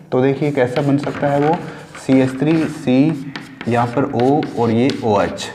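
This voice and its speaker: A male chemistry teacher talks through a lesson at a middle pitch, asking his students questions and answering them himself. He mixes in English terms and repeats key words slowly. A faint hiss sits under his voice. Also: mellow. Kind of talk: classroom lesson.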